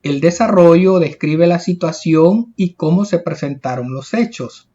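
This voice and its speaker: A man's voice: on the high side, unhurried, dark tone, muffled recording. A man teaching a grammar lesson to young children, explaining step by step in a patient way. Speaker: primary school teacher.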